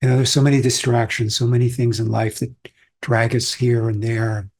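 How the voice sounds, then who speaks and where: A man from Austria giving a calm, reflective dharma talk as a Zen teacher, unhurried and pausing often. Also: medium pitch, breathy edge.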